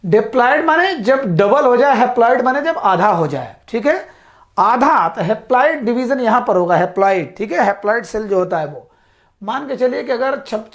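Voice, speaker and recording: A woman's voice: on the high side, creaky. Woman teaching a biology lecture. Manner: repeats "ठीक है" to check understanding, drills terms slowly; addresses students as "साथियों". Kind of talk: whiteboard lecture.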